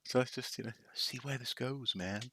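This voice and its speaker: A man's voice: medium pitch, normal speed, pushed and bright, dry recording. A man from North Wales chatting casually on a live stream, hesitant with lots of restarts and wry asides. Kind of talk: casual rambling show-and-tell.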